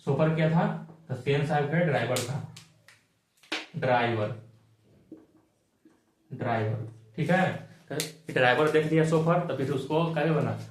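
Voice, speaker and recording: A man's voice: a little high, normal speed, a little hiss or hum. A man explaining a chapter for exams, colloquial and repetitive, asking and answering his own questions. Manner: colloquial, repeats key points, asks and answers own questions. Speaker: teacher. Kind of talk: exam-focused chapter explanation. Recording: echoey room.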